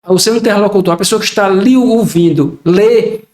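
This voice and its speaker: An older man, a guest on a casual podcast, reflects on things and acts out everyday examples to explain them. His voice is high-pitched, brisk, and a little mellow, with a roomy sound.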